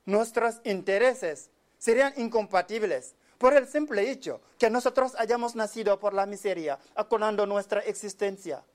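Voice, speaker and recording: A man from Senegal giving an earnest, measured monologue, often speaking quietly. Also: sits high. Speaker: speaker telling of his migrant life. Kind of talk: reflective spoken monologue.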